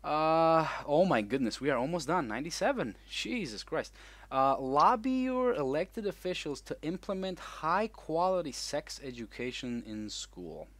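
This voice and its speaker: A man's voice: a little high, big pitch swings, normal speed, no room sound. A young man co-hosting a casual podcast chat, talking bluntly and crudely with lots of swearing and false starts. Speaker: co-host.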